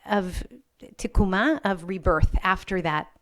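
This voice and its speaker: An American woman rabbi speaks personally and thoughtfully on a panel before a live audience. Her medium-pitched voice moves a little slowly, and her American accent carries hints of Israeli sounds.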